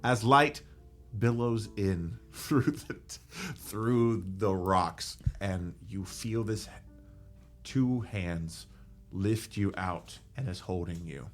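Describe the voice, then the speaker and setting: A man narrating a tabletop game as game master, halting, with frequent fillers and self-corrections. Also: on the low side, faint music behind.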